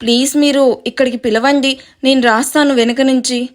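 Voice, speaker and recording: A woman's voice: sits high, fairly even intonation, moderate pace, natural voice. A woman reading the lines of a cheeky, eager teenage boy.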